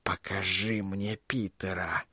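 A seething court sorcerer, performed by a man narrating lurches from hissing whispers to harsh shouted commands. The storybook villain sounds cold and furious, recorded close and dry with no room around him. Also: medium pitch, animated, takes it slowly, no echo. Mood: menacing whisper. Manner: swings between hissed whispers and shouted commands. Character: menacing, furious male royal sorcerer, adult.

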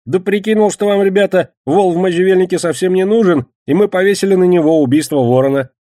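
A man reading an audiobook voices an excitable, defensive young man in a high, nervous register. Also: fast talker, no room sound, clean studio sound, natural voice. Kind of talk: audiobook character voice.

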